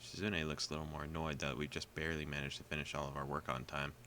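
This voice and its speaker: A man's voice: a bass voice, little pitch movement, quick pace, bright, forceful tone, slight background noise. A man reading a visual novel aloud for a gaming video, with casual, joking asides. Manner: casual, joking asides between read passages.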